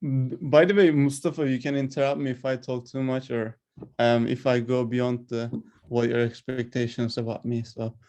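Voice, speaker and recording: A man with a mid-pitched voice coaches listeners informally. He speaks English as a second language. His delivery is conversational and halting, thinking aloud and giving examples as he goes. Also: flat delivery, darkish tone. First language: not English. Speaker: speaker giving career advice. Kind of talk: informal unscripted coaching talk.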